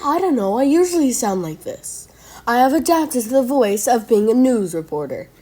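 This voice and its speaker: A woman with a fairly high, dark-toned voice and lively intonation reacts to school myths in a video, speaking at a moderate pace. Her commentary is casual, chatty and playful; she argues with herself and trips over long words.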